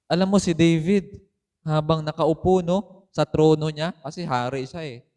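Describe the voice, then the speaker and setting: A man's voice: a little high, fairly even intonation, moderate pace, a little mellow. A man preaching a sermon as pastor, telling the story with bursts of emphasis. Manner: storytelling, mixing in English phrases, rising emphasis. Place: church.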